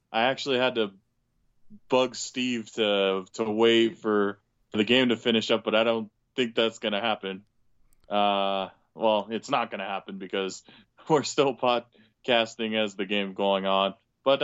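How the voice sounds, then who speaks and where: An American man co-hosting a sports podcast, chatting casually and haltingly, often repeating words. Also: lowish voice, fairly bright tone, smooth, dry recording, lo-fi sound.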